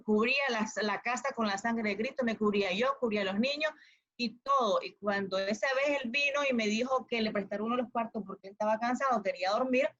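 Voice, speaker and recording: A woman with a Nicaraguan accent gives an earnest personal testimony, walking through it step by step. Her voice sits fairly high and comes through dull and lo-fi. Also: fairly bright tone. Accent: Nicaraguan Spanish. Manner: earnest, narrates step by step with small restarts. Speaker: guest giving a testimony. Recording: dull lo-fi sound.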